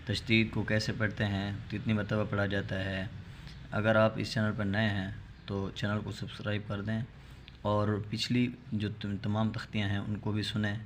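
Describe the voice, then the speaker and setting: A man with a low voice and a Pakistani Urdu accent gives a Quran reading lesson. He draws out the syllables in a slow, loud chant, then rattles through short explanations. His delivery stays fairly flat, over a faint hiss in the background. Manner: chants syllables slowly and loudly, explains quickly in between. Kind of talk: recitation lesson.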